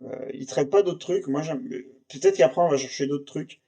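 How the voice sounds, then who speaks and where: A man's voice: fairly high pitch, moderate pace, gravelly, mellow. A young man chatting off the cuff about a science paper, rambling with many fillers and restarts and laughing easily. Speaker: YouTuber reviewing a science paper. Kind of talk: unscripted casual commentary.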